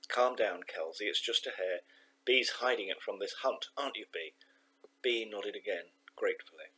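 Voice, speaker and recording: A man reading a children's novel aloud, measured and expressive, slowing down for emphasis. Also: medium pitch, breathy edge, low-quality recording. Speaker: audiobook narrator. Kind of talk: scripted narration of a children's novel.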